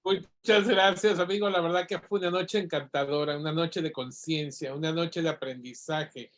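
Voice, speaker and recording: A man's voice: a little high, normal speed, a bit bright. Appreciative male host wrapping up. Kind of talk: closing thanks in an interview.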